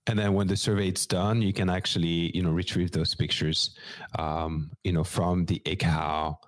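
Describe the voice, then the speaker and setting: A man's voice: deep voice, little pitch movement, normal speed, no room sound. A man with a French accent co-hosting a podcast, methodically explaining practical steps in a casual technical chat. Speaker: podcast co-host.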